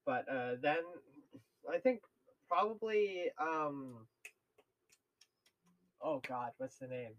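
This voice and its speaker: A man's voice: fairly high pitch, lively intonation, slow, long pauses, dull audio. A young man co-hosting a casual podcast chat, rambling with lots of fillers and laughs. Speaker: podcast co-host.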